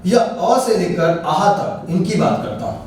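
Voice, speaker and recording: A man's voice: high-pitched, big pitch swings, measured pace, a little mellow, far from the mic, slight background noise. A man teaching Hindi grammar in a classroom style, asking questions and answering them himself. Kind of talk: classroom lesson explaining grammar. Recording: very echoey room, voice away from the mic.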